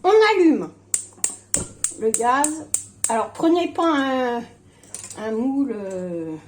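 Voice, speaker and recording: A woman's voice: fairly high pitch, lively intonation, slow, roomy sound, slight background noise. A woman with slurred, toothless articulation from missing dentures, chatting casually and hesitantly through a home cooking demonstration, often breaking off mid-sentence. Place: at home in a kitchen.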